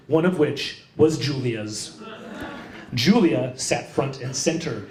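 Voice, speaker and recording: Middle-aged male poet hosting a reading, high-pitched, wry and profane, recorded in an echoey room. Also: a little mellow. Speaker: poet and host of a memorial reading. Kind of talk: performed personal essay at a poetry reading. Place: small gallery room with a live audience.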